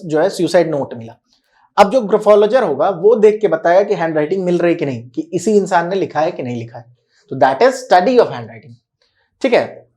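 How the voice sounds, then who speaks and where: A man's voice: fairly high pitch, darkish tone. Patient male teacher checking understanding. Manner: explains patiently, keeps checking that students follow; repeats key words slowly for emphasis. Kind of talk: recorded classroom-style lecture.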